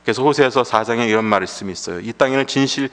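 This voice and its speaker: A male pastor preaching a sermon. He asks rhetorical questions, repeats his points, and swings between raised, emphatic lines and hushed drops. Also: mid-range voice, fast. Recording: long reverb of a large hall.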